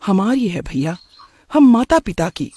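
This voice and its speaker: A man's voice: sits high, big pitch swings, unhurried, dark tone, no echo, full character voice. A man voicing an affectionate middle-aged aunt who fondly complains about her nephew in a cartoon story. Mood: earnest. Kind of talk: cartoon voice acting.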